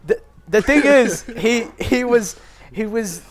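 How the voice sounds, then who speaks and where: High-voiced young man telling a rambling story. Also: lively intonation, slow, a crowd in the background. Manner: rambling, profane, acts out quotes loudly. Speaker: podcast co-host. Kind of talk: casual storytelling chat.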